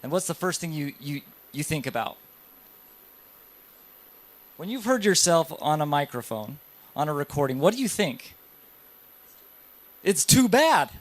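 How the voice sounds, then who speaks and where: A man's voice: fairly high pitch, moderate pace, pauses often. A man in his thirties, a dentist giving a live lecture to other dentists in a hall, telling stories and asking the audience questions. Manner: lively storytelling, addresses audience directly.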